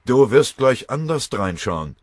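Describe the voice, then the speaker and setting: Man doing a venomous shouting sergeant. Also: very deep voice, lively intonation, normal speed, breathy edge, no room sound, studio quality, full character voice. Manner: grumbling, then shouting. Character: angry male sergeant, venomous and excitable.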